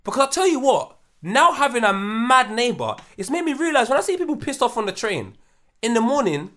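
A man's voice: very high-pitched, fairly quick. A man, co-hosting a podcast in casual chat, a father who tells stories and acts out the voices he quotes. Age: adult with children. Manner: expressive, acts out quoted speech. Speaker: podcast co-host.

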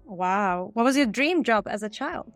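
A woman's voice: medium pitch, animated, unhurried, no room sound, faint music behind. A woman hosting a podcast, formally reading out prepared questions. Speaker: podcast host.

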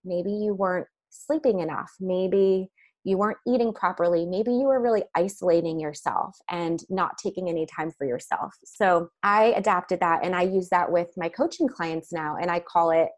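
Calm, lower-voiced woman explaining like a counselor. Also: normal speed. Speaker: guest, therapist and coach. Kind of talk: explanatory interview talk.

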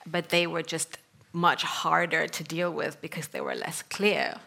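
Woman from sudan talking about her book, bright crisp tone, lots of ums. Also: deep voice, little pitch movement, measured pace. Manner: thoughtful, frequent um fillers. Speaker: author and guest speaker. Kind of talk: conversational talk.

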